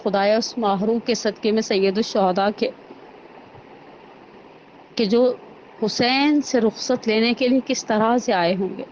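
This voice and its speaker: A woman's voice: fairly high pitch, steady tone, pauses often, darkish tone, lo-fi sound, a little hiss or hum. A woman orator giving an impassioned mourning sermon at a women's gathering, reciting in a lamenting voice that rises to anguished cries. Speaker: zakira (religious mourning orator).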